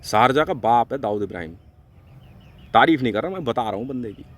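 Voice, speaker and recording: A man from India ranting angrily and swearing heavily in a vlog, jumping between loud outbursts and low mutters. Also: animated, fairly quick. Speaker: vlogger. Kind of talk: angry profane rant to camera.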